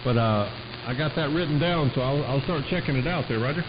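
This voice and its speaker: This ham operator speaks briskly in a mid-range voice, trading relaxed, meandering chatter with other operators on a two-way radio. He leans heavily on radio lingo with a folksy touch. Static comes through clearly over the muffled signal.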